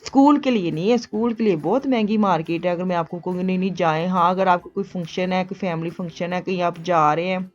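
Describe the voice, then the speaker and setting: A woman's voice: fairly low pitch, a little mellow, highs cut off. A woman in her thirties with a Punjabi accent, chatting casually in a shopping vlog and slipping between Hindi-Urdu and Punjabi. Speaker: vlogger.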